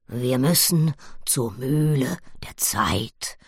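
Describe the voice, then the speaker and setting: A woman voicing a calm, wise male gorilla who speaks slowly and formally. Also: very deep voice, slightly rough, no echo, clean studio sound, pitched below the performer's own voice, exaggerated voice. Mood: solemn. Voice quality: slow, deliberate, stilted formal speech.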